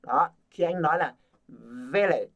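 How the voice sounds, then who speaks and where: A man's voice: fairly high pitch, normal speed. A man teaching English pronunciation to a group, coaxing and repeating sounds over and over. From Vietnam. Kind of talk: casual group lesson. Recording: dull lo-fi sound.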